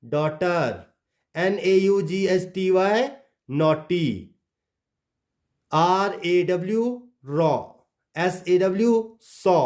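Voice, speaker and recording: A man's voice: high voice, darkish tone. A man teaching English pronunciation, spelling out words letter by letter and dropping his voice at the ends of phrases. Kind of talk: slow spelled-out phonics lesson.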